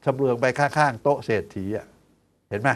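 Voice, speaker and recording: A man's voice: medium pitch, brisk. A man in his sixties, a doctor hosting a health show, chatting in a folksy way and tossing out teasing questions to his listeners. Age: 60s. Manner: chatty, lively asides, teasing rhetorical questions; counts out exercise steps aloud.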